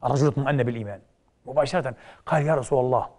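A man giving a televised religious lecture, telling stories with rhetorical questions and slowing down to quote traditions. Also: medium pitch. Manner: animated storytelling, slows down to quote hadith; asks rhetorical questions with drawn-out "eh".

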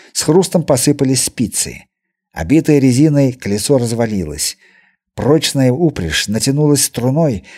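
A man narrating an adventure audiobook with expressive storytelling. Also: mid-range voice. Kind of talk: scripted narration.

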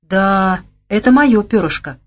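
A woman voicing a boastful, quick-tempered gangster man in an audiobook. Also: mid-range voice, animated. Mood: gruff. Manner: gruff, boastful, blustering.

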